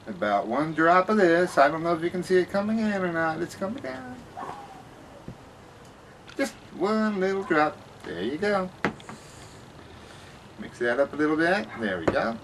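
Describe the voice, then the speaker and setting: Man playing a folksy 1950s TV science professor, distant mic. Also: fairly high pitch. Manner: folksy, rambling explanations with simple words. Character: cheerful, careless 1950s kids' TV science professor. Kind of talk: spoof 1950s TV broadcast presenting. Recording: distant mic with room noise.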